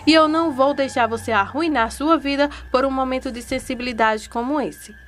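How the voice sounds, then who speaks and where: A woman's voice: sits high, brisk, fairly bright tone. A woman reading the lines of a domineering, scheming mother in a cold, condescending tone. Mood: scolding.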